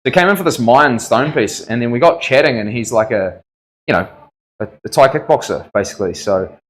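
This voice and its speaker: A man with a broad Kiwi accent talks in a laid-back, matey way, full of casual slang. His mid-pitched voice suits an informal livestream hosted from the tattooist's chair. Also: lively intonation, a little fast. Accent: New Zealand. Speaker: tattoo artist hosting a livestream.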